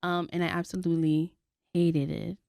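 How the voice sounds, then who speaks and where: Young woman co-host from the Bronx, lowish smooth voice, dry close sound, chatty and quick to laugh. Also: level tone, a little mellow, no room sound. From Bronx, New York. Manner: laughs often, says "like" a lot. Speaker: podcast co-host. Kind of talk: casual chat.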